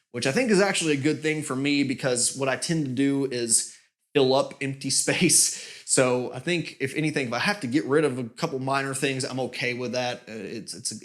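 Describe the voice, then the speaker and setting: A man casually giving a channel update with lots of fillers, his voice booming with reverb in a nearly empty studio room. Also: fairly bright tone. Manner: rambling, many fillers and restarts. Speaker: music channel host.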